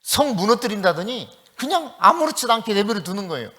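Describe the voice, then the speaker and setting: A man preaching a sermon as pastor, telling a story in a lively way and acting out the quoted voices. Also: high voice, fairly quick, big-room sound. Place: church sanctuary.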